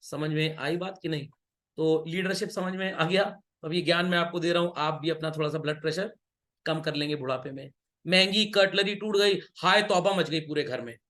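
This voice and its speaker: A man's voice: on the high side, moderate pace, a bit bright. A middle-aged man teaching business studies in an online class, mixing Hindi and English and playfully teasing and checking on his students. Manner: teases and scolds students playfully.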